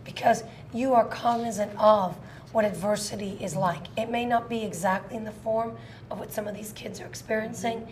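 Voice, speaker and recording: A woman's voice: medium pitch, steady tone, moderate pace, a little mellow. A woman co-hosting an interview show, speaking in an articulate, empathetic way as she introduces and questions guests. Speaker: talk show co-host. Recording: clear background noise and ambience.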